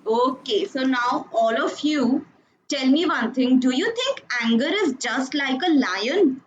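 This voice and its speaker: A woman's voice: high voice, expressive, measured pace. A woman teaching an online class for children, encouraging and coaxing them with frequent praise. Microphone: video call. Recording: dull video-call audio with noise.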